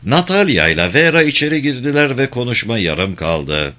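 Man reading a novel aloud, measured. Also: medium pitch, big pitch swings, pushed and bright. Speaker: audiobook narrator.

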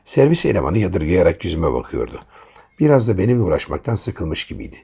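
Man reading a story, husky low voice, goes up and down a lot, muffled lo-fi recording. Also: sing-song, fast, dark tone. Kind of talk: first-person storybook narration. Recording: dull lo-fi recording.

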